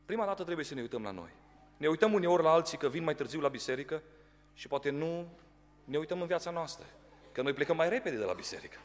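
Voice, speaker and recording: Man, Romanian accent, sermon, animated storytelling, echoing church hall. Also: fairly high pitch. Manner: lively, animated storytelling with voiced quotes. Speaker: preacher. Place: church prayer house. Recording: long hall reverb.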